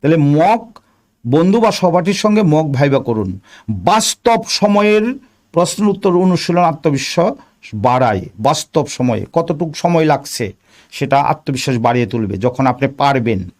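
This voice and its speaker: A man's voice: fairly high pitch, sing-song, moderate pace, darkish tone. A man coaching students for an oral exam, repeating key points and speaking straight to the listener. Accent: Bangladeshi Bengali. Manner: repetitive, emphatic, addresses the listener directly. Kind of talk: spoken lesson on viva preparation.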